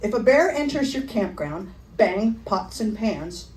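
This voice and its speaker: A middle-aged woman performing a personal memoir at a live storytelling event, with a wry, animated delivery. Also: mid-range voice, unhurried, roomy sound, distant mic, low-quality recording.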